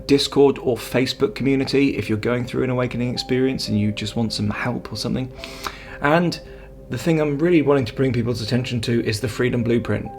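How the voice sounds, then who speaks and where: A man who coaches people on spiritual growth, chatting straight to camera in a loose, rambling way. He keeps tacking on little tag questions and asides, and his pitch sits in an ordinary middle range. Soft music plays faintly behind him. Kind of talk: casual talk to camera.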